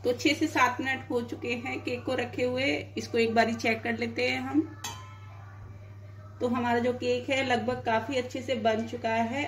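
A woman's voice: fairly high pitch, slight background noise. A woman hosting a home cooking demonstration, explaining each step plainly as she works in her kitchen. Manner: explains plainly while cooking, with frequent "dekhiye". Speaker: cooking channel host.

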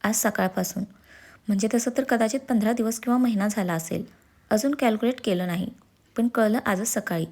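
A woman's voice: mid-range voice, brisk, a little mellow, close to an everyday voice. A woman voicing a playful, mischievous young wife in a storybook reading, speaking in a sly, teasing way. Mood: serious.

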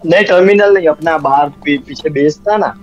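A man's voice: a little high, moderate pace, lo-fi sound, soft background music. A man with an Indian accent on voice chat, explaining plans and giving his teammates instructions during a game. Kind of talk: gameplay voice chat.

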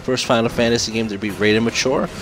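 A man giving casual gameplay commentary and channel updates as a streamer, in a loose, halting, informal way. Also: medium pitch, steady tone, music in the background. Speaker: game streamer and video creator. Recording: clearly noisy game audio behind voice. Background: video game ambience and noise.

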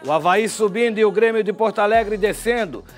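An older man with a Brazilian Portuguese accent giving chatty studio TV commentary, with wry asides and drawn-out sign-offs. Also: sits high, faint music behind. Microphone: lapel mic.

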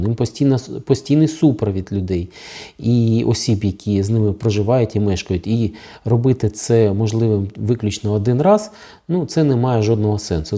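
A man's voice: lowish voice, mellow. A man with a Ukrainian accent hosting his own legal channel, explaining new rules in a sarcastic, critical tone with many fillers. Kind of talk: direct-to-camera legal commentary.

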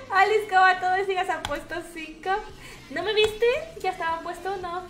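A young woman with a Mexican accent talks through her game in a casual, chatty way, with a high and very bright voice. She often breaks into shrill, yelling outbursts. Faint music plays underneath her. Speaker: gaming streamer. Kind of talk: casual gameplay commentary.

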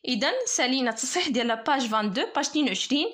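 A woman with a Moroccan Arabic accent teaching a spelling lesson, slowly and carefully dictating words for pupils to copy. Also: high-pitched, expressive, a bit bright. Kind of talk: French spelling lesson explained in Darija.

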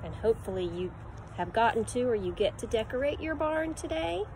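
A middle-aged preschool teacher reads a picture book to children on a backyard deck, using a sing-song voice and sometimes making animal sounds. Her a-little-high voice is expressive, brisk and darkish in tone. It was recorded outdoors on a phone camera held at arm's length, so the audio is rough with a little hiss or hum.

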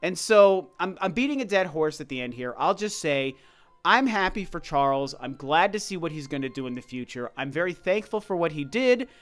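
Narrating over gameplay footage, a man shares his opinions casually and conversationally, hammering points through emphatic repetition. His voice is a little high and fairly bright, animated, at a normal speed.

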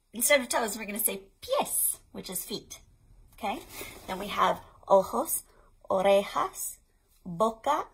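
Inside a small play tent indoors, a storytime host and children's librarian in her thirties, an American woman, guides little kids and parents with warm encouragement and instructions. Her mid-range voice sounds creaky, a bit bright and slightly rough, captured on a low-quality recording.

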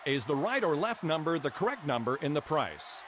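Animated, high-pitched game show host. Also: male voice, moderate pace. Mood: upbeat. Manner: emphatic, exclaiming, instructing the contestant. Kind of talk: game show hosting, scripted. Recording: clear background game noise.

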